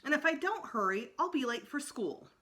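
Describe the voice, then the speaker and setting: Woman as an exasperated schoolboy, lively pitch. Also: normal speed, exaggerated voice. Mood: refusing. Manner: emphatic, protesting. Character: exasperated fourth-grade boy, older brother.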